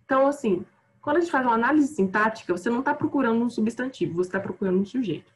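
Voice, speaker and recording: A Brazilian woman teaching an online grammar class, chatty and self-deprecating, tired, her voice often trailing off quietly. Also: a little high, expressive, racing.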